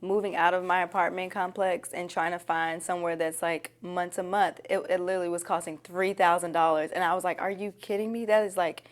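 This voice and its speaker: A woman's voice: lowish voice, level tone, fairly quick, hardly any pauses. A woman giving candid, conversational answers as an interviewee. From Nashville, Tennessee.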